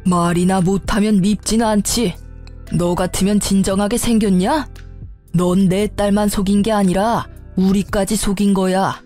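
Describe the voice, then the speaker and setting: A woman's voice: medium pitch, fairly even intonation, moderate pace, soft background music, natural voice. A woman voicing an enraged older father. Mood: furious. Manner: shouting insults and demands. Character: furious middle-aged father scolding a cheating son-in-law.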